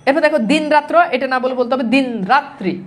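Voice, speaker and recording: A Bangladeshi woman delivers a classroom-style lecture to exam students, racing through grammar corrections in a fairly high, steady voice. She drills each wrong and right form repetitively, now and then dropping English words into her speech.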